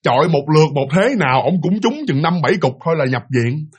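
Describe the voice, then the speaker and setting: Husky fast-talking Southern Vietnamese man. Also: a little high. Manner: animated retelling with many fillers and repeats. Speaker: storyteller. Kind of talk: casual ghost story narration.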